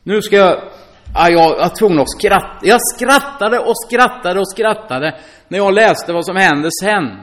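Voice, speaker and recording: A man preaching a sermon, reading scripture aloud and commenting on it in a chatty way, often asking his listeners "va?". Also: sits high. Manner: lively, swings from loud exclamations to hushed asides.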